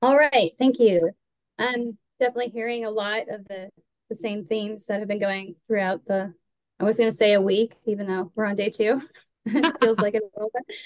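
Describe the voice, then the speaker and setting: Woman giving a casual breakout report, dry close mic, halting delivery. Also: medium pitch, steady tone, a little mellow, no echo, poor audio. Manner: casual, halting, with stumbles and fillers. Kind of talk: online workshop report-out. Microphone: video call.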